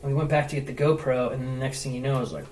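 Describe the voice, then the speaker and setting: A man's voice: mid-range voice, very fast, far from the mic. A man, a podcast guest, telling a story in casual, loose chat, full of "like" and swearing. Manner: animated, loose, lots of "like" and swearing. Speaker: podcast guest, travel blogger. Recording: roomy echo, off-mic, faint hiss.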